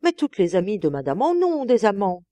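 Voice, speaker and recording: A woman's voice: medium pitch, big pitch swings, fairly quick, warm tone, no room sound, lightly acted. A woman reading an audiobook, voicing a bold young chambermaid who talks brazenly and coaxingly. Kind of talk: audiobook character voice.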